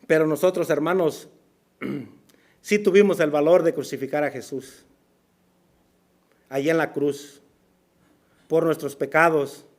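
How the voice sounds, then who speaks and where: A man preaching a sermon as pastor, telling a story and acting out its dialogue, sometimes dropping to a hushed voice for emphasis. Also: on the high side, steady tone, unhurried, long pauses. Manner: storytelling, acts out dialogue, drops to near whisper for emphasis. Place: church.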